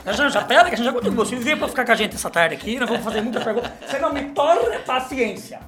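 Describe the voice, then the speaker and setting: A man's voice: extremely high pitch, big pitch swings, roomy sound, crowd noise. A man hosting a talk show, boisterous and crude, chatting with his guest. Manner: boisterous, swearing, quick to laugh. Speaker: host. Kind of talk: casual talk show chat.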